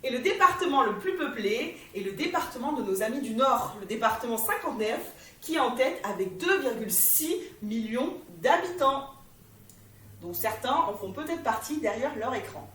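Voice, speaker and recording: A woman fitness instructor talks a class through a warm-up, cheerful and encouraging as she moves. Her voice sits high and carries from a distance in a reverberant room. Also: animated, moderate pace. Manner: encouraging, gives step-by-step cues while moving. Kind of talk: guided warm-up exercise class.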